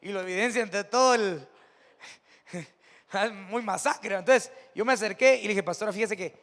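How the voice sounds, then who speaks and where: A Mexican-accented male pastor delivers a sermon in a high, light voice, telling stories like a conversation before pressing his points hard. His words ring out with a long reverb in a church sanctuary. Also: a little slow, fairly bright tone. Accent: Mexican Spanish. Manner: storytelling, conversational, rising to emphatic preaching.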